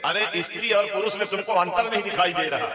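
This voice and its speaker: A man doing a gruff old father-in-law. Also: high-pitched, normal speed, pushed and bright, pitched above the performer's own voice. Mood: gruff scolding. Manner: gruff, scolding. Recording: echoey hall, faint music.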